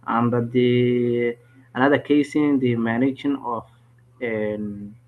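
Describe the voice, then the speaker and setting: Male webinar attendee from Somalia, slow and halting, phone-quality audio. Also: mid-range voice, fairly even intonation. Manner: halting, searching for words. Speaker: webinar participant asking a question. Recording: tinny phone-like call audio.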